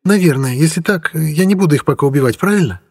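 A man's voice: fairly high pitch, lively intonation, fast talker, slightly rough, pitched above the performer's own voice. A man voicing a fierce young woman warrior who mocks her foes in tough slang, as a storybook reader. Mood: mocking. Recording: long reverb.

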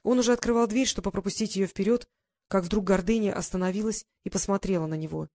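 A woman reads a romance novel aloud as an audiobook narrator, calm and even. Her voice sits at an ordinary middle pitch. The recording is dry and close, with no room sound. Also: fast talker, no echo.

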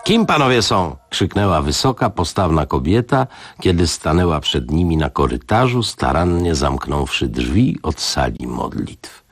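A man narrating an audiobook on radio with an expressive, dramatic delivery. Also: very deep voice, a little slow, husky, no echo.

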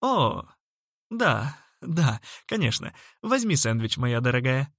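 A man's voice: mid-range voice, big pitch swings, slow pace, fairly bright tone, no echo, studio quality, exaggerated voice. A man voicing a fussy adult male suitor who purrs sweetly when courting and snaps when annoyed. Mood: flustered eager. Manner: syrupy, purring when wooing, snappish when annoyed.

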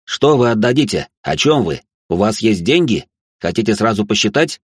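A brusque, exasperated official with a low, husky voice, read by a male narrator close to his own. The recording is dry and close. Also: big pitch swings, moderate pace, dry recording. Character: gruff official man, Tikhonov.

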